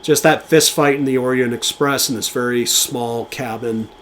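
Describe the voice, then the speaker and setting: Man, podcast co-host, casual and eager film talk, mid pitch, faint noise floor. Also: fairly even intonation, a bit bright. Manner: enthusiastic, talks in quick bursts with fillers and restarts.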